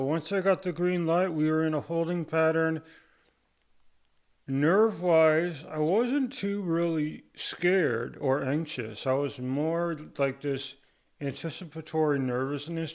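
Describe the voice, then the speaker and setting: A man's voice: a little high, a little mellow. A man giving a casual update to camera, talking with difficulty through a restricted jaw held by rubber bands after surgery, with saliva pooling in his mouth.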